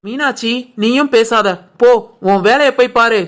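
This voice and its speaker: A woman voicing a protective older mother-in-law in an animated family cartoon, firm and scolding, with a Tirunelveli Tamil accent. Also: a little high, a little slow. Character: caring older mother-in-law, protective, stern with her daughter.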